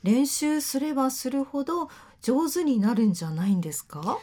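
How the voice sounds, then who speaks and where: Woman host, slightly high voice, animated intonation, friendly attentive interviewer. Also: moderate pace. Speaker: radio host. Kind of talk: radio talk segment.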